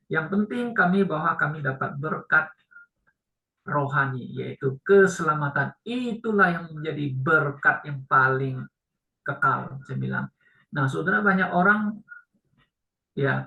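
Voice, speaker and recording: Male pastor preaching, bright edgy voice, tells stories and pitches up for quotes. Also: creaky, echoey room, low-quality recording. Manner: animated storytelling, raises pitch to act out quoted speakers. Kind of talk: sermon.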